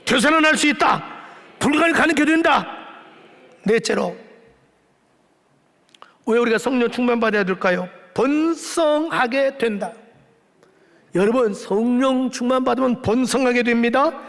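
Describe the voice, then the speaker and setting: A male pastor preaching with a very high, gravelly voice. His delivery is forceful and scolding, rising to shouts, and he acts out the Bible characters as he goes. The sound carries the long reverb of a church sanctuary. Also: normal speed, pauses often. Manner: scolding, emphatic preaching with shouted peaks and acted-out Bible dialogue. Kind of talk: sermon.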